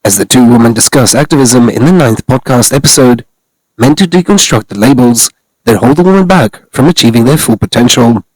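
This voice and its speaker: Husky-voiced man reading a news script. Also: medium pitch, expressive, fairly quick, dry recording, low-quality recording. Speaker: commentary channel narrator. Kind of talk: scripted narration read from articles.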